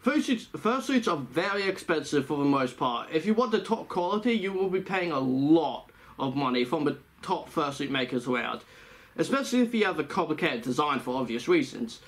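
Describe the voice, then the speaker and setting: A man's voice: fairly high pitch, sing-song, normal speed. A man giving casual tips to the camera, talking through a costume head in a chatty, rambling way that often corrects itself. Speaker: fursuit vlogger.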